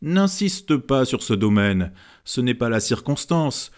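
A man's voice: medium pitch, very animated, measured pace. A man voicing a middle-aged editor who modestly turns down a task. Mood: deflecting. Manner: modest, deflecting. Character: middle-aged male editor, master's grandson.

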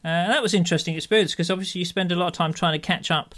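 A man's voice: sits high, very fast, fairly bright tone. A man with a British accent chatting casually as a podcast co-host, often restarting his phrases, with dry humour. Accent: British English. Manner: hesitant, self-correcting, dry humour.

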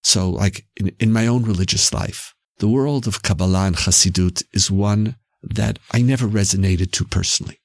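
A man with a Canadian accent, appearing as an interview guest, reflects on and explains ideas about religion emphatically, repeating phrases for effect. His voice is on the low side, moving at a moderate pace with hardly any pauses, in a dry recording.

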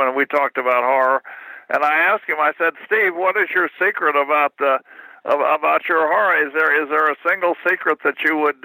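Older man, from Missouri, guest writer, rambling anecdotes, very bright tone, dry close sound. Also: on the high side, no echo, rough recording. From Missouri, USA. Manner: rambling, repeats words while telling stories. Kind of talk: anecdotal interview storytelling.

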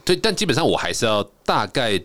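A man with a Taiwanese Mandarin accent hosting a casual interview, chatty and quick to exclaim. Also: mid-range voice, big pitch swings, a bit bright, dry recording. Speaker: interviewer, host.

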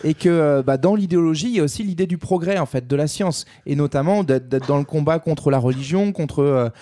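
Slightly high, mellow-voiced man chatting. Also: a little fast. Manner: colloquial, hesitant, many restarts. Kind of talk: casual podcast chat.

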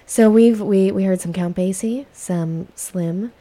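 A woman's voice: medium pitch, slow, mellow. A woman hosting a jazz radio show, chatting casually and playfully with her guest at a studio microphone. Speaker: radio host.

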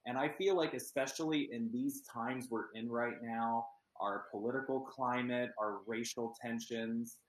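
A man's voice: mid-range voice, fairly even intonation, a little slow, hardly any pauses. Man, actor guest, earnest, chatty, filler-heavy, echoey room. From Pennsylvania. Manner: earnest, chatty with many ums. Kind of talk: casual interview chat.

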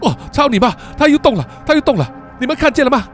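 A man voicing a panicky, foul-mouthed teenage student who keeps insisting something is wrong, over soft background music. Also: very high-pitched, sing-song, fast talker, voice pushed up. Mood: panicked. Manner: frantic, swearing, insistent.

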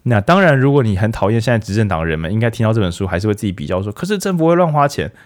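Male host, low-pitched, casual and jokey, for a book podcast. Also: rapid-fire. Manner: chatty, animated, jokey rhetorical questions. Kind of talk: casual book review talk.

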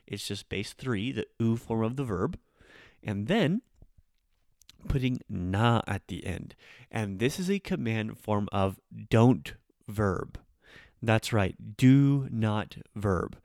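A man's voice: lowish voice, a little mellow, dry recording, studio quality. A man hosting a casual, chatty language lesson as a podcast teacher, with rolled R's when he speaks Japanese. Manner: informal, chatty, explains with acted-out examples. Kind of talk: casual spoken grammar lesson.

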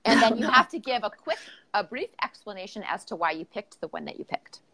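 A woman's voice: mid-range voice, very animated, fairly quick, sharp tone. A woman hosting a podcast in casual chat, irreverent and jokey, with plenty of filler words. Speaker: podcast host.

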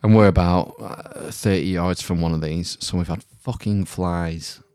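A man's voice: deep voice, steady tone, measured pace, darkish tone, smooth, no echo, studio quality. A middle-aged man chatting casually as a comedic podcast co-host from inside a small trailer. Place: inside a caravan on holiday. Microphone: online call, close dry sound.

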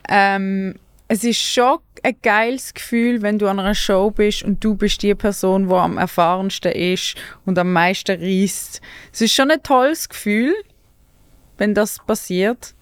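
A woman with a Swiss German accent, a stand-up comedian hosting a casual podcast chat, talking in an animated way and laughing often. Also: medium pitch, a little slow, clear, resonant tone, no room sound. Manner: chatty, animated, laughs often, loses her thread.

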